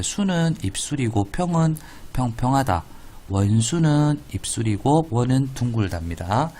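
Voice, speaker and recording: A man's voice: mid-range voice, a little mellow, slightly rough. A man teaching grammar in a lecture, playful and corny, demonstrating vowel sounds and often checking with the class.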